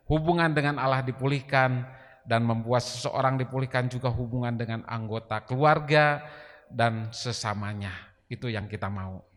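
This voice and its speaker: A man preaching a sermon in a church, emphatic and asking the congregation rhetorical questions. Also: mid-range voice. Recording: long reverb of a church hall.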